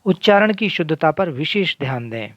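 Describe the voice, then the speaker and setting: A man teaching a school Sanskrit lesson, slowly spelling words out syllable by syllable. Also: on the high side, sing-song, dry recording, muffled recording. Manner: slow, carefully spelling out syllables. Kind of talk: recorded lesson.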